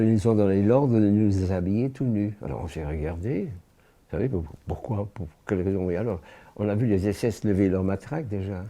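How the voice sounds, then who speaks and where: In a very dark, mellow, low voice, an elderly witness born in France, now in his 80s, recounts his personal testimony with gravity and slowness. Searching for words, he keeps pausing and restarting sentences, speaking haltingly throughout.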